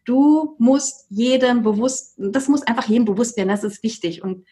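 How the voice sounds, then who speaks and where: A woman's voice: on the high side, normal speed, dark tone. A woman, a yoga teacher, speaking as a podcast guest in an earnest, reflective way with many hesitant fillers. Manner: earnest and reflective, with frequent "ähm" fillers and repetitions. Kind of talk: casual conversational interview.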